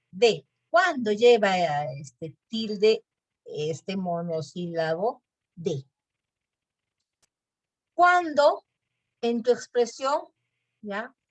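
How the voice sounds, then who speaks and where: A woman teacher explaining a spelling lesson patiently, often checking in with her students. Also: a little high.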